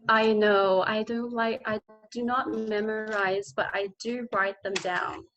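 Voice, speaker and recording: A woman's voice: medium pitch, little pitch movement, measured pace, fairly bright tone, soft background music. A woman with an Australian accent, a guest speaker answering questions in a casual video call, chatty and laughing often at herself.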